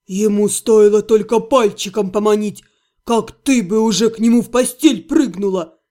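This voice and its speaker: A woman voicing a grumpy, jealous young half-gnome man in an audiobook, snapping and gruff. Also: mid-range voice, normal speed, dark tone, voice pushed down, lightly acted.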